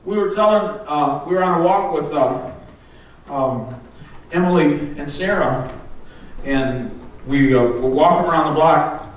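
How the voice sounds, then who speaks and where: A man preaching a lively, joking sermon as pastor, acting out how his congregation answers him. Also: a little high, measured pace. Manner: lively, jokey preaching that acts out congregation responses. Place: church sanctuary. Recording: very echoey room, distant mic, faint noise.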